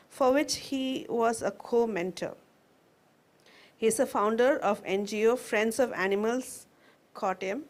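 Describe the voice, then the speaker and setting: A woman hosts a formal event. She reads a scripted speaker introduction aloud at a medium pitch, in a formal register.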